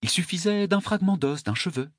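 A man reading an audiobook, voicing a sharp, commanding noblewoman who interrogates a prisoner, in a husky falsetto. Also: lively intonation, a little fast, no room sound, studio quality. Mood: urgent. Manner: imperious, urgent questioning. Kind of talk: audiobook character voice.

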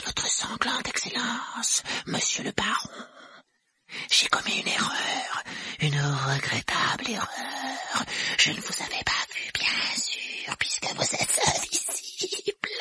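A whispering, fawning poltergeist. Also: male voice, high-pitched, creaky, pushed and bright, slightly rough, dry recording, pitched above the performer's own voice, full character voice. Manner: wheedling, fawning, slow whispers. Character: sneaky mischievous poltergeist, male. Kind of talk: audiobook character voice.

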